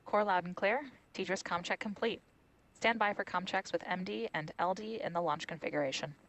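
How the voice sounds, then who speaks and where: A woman's voice: fairly low pitch, normal speed, fairly bright tone. A woman speaking as a mission control communicator, giving formal, clipped procedural radio calls.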